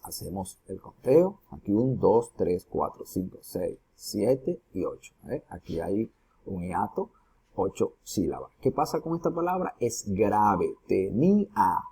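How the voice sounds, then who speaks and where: A male teacher walks through a recorded lesson step by step, often asking questions and then answering them himself. His voice is low, dark and slightly husky. His pitch swings widely between phrases. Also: sing-song, unhurried. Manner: explains step by step, asks students rhetorical questions. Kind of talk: recorded lesson on poetry metrics.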